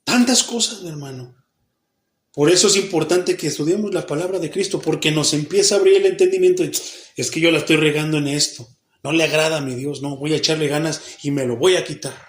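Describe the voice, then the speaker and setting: In a church hall, a Mexican pastor with a Mexican Spanish accent and a slightly high voice delivers a Bible study sermon. He keeps asking the congregation questions only to answer them on his own, and he performs the voices of those he quotes, right down to mock babbling.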